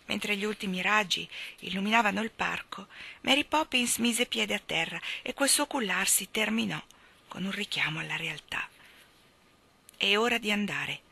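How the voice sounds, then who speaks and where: A woman reading a children's story aloud in an expressive way, often dropping to soft, hushed tones. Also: medium pitch, normal speed, gravelly, slightly rough. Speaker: reader. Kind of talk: audiobook storytelling.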